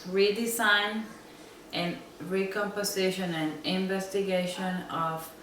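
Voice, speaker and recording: A woman from Central America answering interview questions, slow and thoughtful, often pausing with ums. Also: medium pitch, level tone, a bit bright, a little hiss or hum. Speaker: interviewed designer. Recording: echoey room, mic at a distance.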